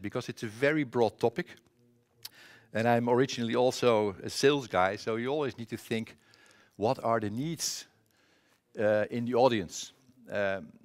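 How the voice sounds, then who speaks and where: In a conference room, a presenter and trainer from the Netherlands speaks through a presentation mic with a Dutch accent and a fairly low voice. His talk is casual and halting, with frequent fillers and false starts.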